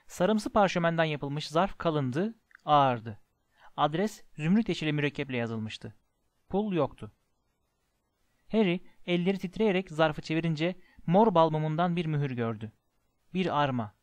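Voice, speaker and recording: Man, audiobook narration, measured, slightly high voice, dry close sound. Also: lively intonation, dry recording. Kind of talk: scripted storybook narration.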